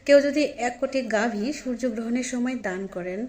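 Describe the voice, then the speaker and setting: A woman's voice: a little high, fairly quick. A woman giving an earnest devotional talk, explaining to her viewers and addressing them directly. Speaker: devotional speaker.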